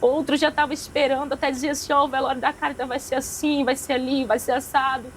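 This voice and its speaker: A woman's voice: high-pitched, little pitch movement, fast, slight background noise, low-quality recording. Emotional woman giving a repetitive testimony. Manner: repeats phrases for emphasis, acts out quoted dialogue. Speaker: podcast guest.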